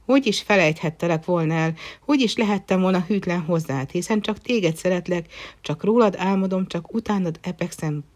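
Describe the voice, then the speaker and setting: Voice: mid-range voice, voice pushed up, natural voice. A young fairy-tale prince, put on by a storyteller, earnest and lovesick. He speaks with a stubborn, pleading sincerity.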